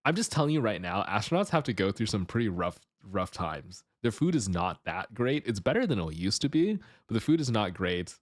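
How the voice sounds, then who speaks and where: A man hosting a livestream with casual chat and commentary, jumping from excitable exclamations to low asides. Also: a little fast, few pauses, no echo, studio quality. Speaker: livestreamer and host.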